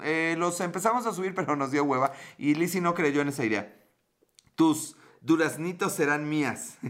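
A man's voice: a little high, bright, forceful tone. A man with a Mexican accent chatting casually on a livestream, rambling, slangy and swearing, reading out his viewers' comments, a bit tipsy. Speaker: livestream host reading chat.

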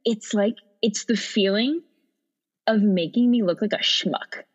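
A woman's voice: mid-range voice, a little slow. A woman co-hosting a casual chat, ranting emphatically and swearing now and then. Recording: slightly dull lo-fi sound.

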